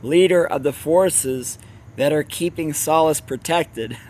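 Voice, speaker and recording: A man's voice: on the high side, slow, a little mellow, slight background noise, pitched above the performer's own voice. A man reading as a sneering hobgoblin boss. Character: fat sneering male hobgoblin leader.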